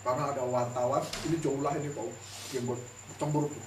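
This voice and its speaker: A man's voice: medium pitch, fairly even intonation, fast. A male pastor giving a casual, chatty sermon, telling stories with laughing asides. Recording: echoey room, distant mic, faint noise.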